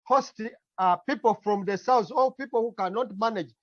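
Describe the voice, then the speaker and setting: Halting Ugandan man on dull audio. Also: high-pitched, no room sound. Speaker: climate activist, guest speaker.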